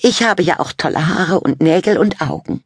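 A woman's voice: low voice, normal speed, breathy edge, no echo, clean studio sound, voice pushed up. A woman voicing a vain, bossy fourteen-year-old girl who talks in a boastful, snippy, sing-song way. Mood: preening.

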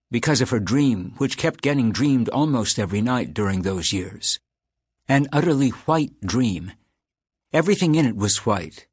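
A man narrating a literary novel as an audiobook, in a measured, even storytelling manner. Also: medium pitch, breathy edge, dry recording. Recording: dry close studio sound.

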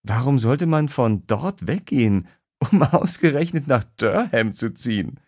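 A man voicing a bubbly, teasing young woman in an audiobook, lifting his voice higher and speaking in a lively, playful way. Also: measured pace. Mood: curious. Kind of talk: audiobook character voice.

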